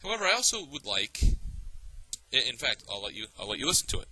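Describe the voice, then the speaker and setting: A man teaching a software tutorial, explaining patiently step by step with small fillers and restarts. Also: mid-range voice, very animated, fast talker, a little hiss or hum, rough recording. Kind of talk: screencast tutorial.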